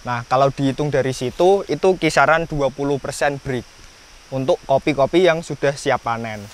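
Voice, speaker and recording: A man's voice: medium pitch, normal speed, slight background noise. A man from Indonesia who works in coffee processing, explaining the harvest in a documentary interview with frequent hesitation fillers.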